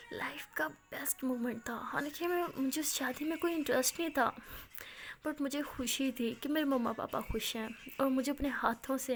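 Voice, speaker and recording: Young woman, kinda high voice, chatty storytelling, laughs a lot. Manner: chatty, laughs often, mixes English words. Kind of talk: first-person storytelling.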